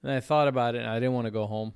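A man's voice: medium pitch, steady tone, racing, clean tone, no room sound. Male podcast co-host, dry close mic, easygoing crude storyteller. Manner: laid-back storytelling, crude humor. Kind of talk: casual chat.

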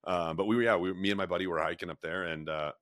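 A man, a pet treat company founder, telling a long story in a relaxed interview, full of fillers and restarts. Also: sits low, fast, dry recording, clean studio sound. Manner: rambling, filler-heavy storytelling with many restarts.

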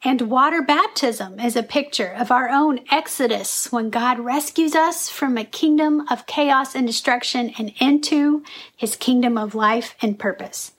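A woman's voice: sits high, measured pace, fairly bright tone, slightly rough. Earnest woman hosting a faith vlog. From Tennessee. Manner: earnest, lightly humorous teaching tone. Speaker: vlog host. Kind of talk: scripted vlog commentary.

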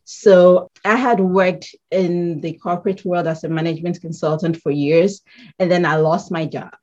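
A woman from Ghana, answering interview questions in a measured, thoughtful way and pausing with ums. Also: on the low side, fairly even intonation, a little mellow, muffled recording. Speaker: guest artist.

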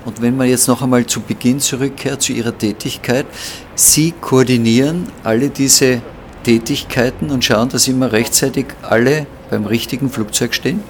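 A man's voice: medium pitch, steady tone, moderate pace, slight background noise. A man asking questions as a podcast host. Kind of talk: interview questions.

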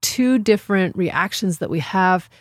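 A woman speaking as a podcast guest, explaining things in a casual, thoughtful way with some halting phrasing. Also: mid-range voice, lively intonation, dry recording, clean studio sound. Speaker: podcast guest, women's Bible study teacher.

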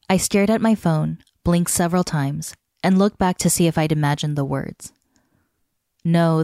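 A woman reads a devotional piece aloud in a calm, measured way. Her voice sits low and warm in tone. The recording is close and dry, with no room sound. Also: no echo. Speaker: narrator reading a devotional article. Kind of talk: scripted narration.

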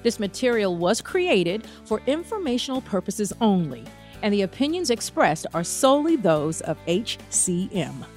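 A woman reads a scripted legal disclaimer in a formal, measured announcer's delivery. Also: medium pitch, big pitch swings, a little mellow, soft background music.

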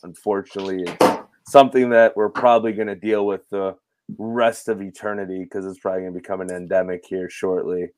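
A hoarse, raspy man whose voice goes in and out, hosting a casual live fishing show. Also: deep voice, flat delivery, fairly quick, a little mellow, no room sound. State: hoarse, voice cutting in and out from losing it. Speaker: podcast host.

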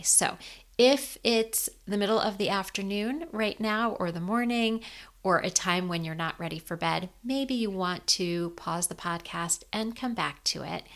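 A woman in her fifties hosting a podcast and guiding a sleep meditation in a slow, soothing, gentle way. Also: fairly low pitch. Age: 50s.

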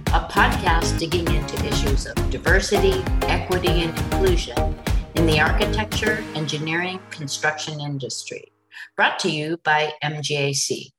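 Low-voiced woman hosting a podcast. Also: moderate pace, music in the background, low-quality recording. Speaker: podcast host. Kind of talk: scripted podcast intro and interview.

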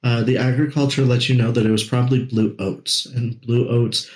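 A man narrating as game master in a relaxed way, with frequent ums and uhs. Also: mid-range voice, moderate pace, roomy sound, rough recording.

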